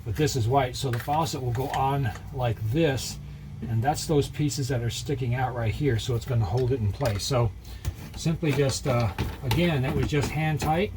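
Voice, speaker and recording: A man with a medium-pitched voice presents a casual repair tutorial. He speaks to viewers in a folksy, halting manner. It is recorded inside a small trailer with noticeable noise behind him. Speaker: host of an RV living how-to vlog. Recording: clear background noise, location sound.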